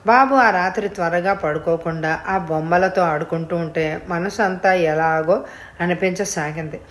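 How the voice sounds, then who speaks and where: A woman narrating a serialized novel in a calm, even storytelling voice. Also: lowish voice, normal speed. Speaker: audiobook reader.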